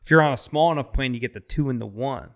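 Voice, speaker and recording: A man's voice: mid-range voice, quick pace, creaky, a bit bright. Crude, joking male podcast host. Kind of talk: casual chat.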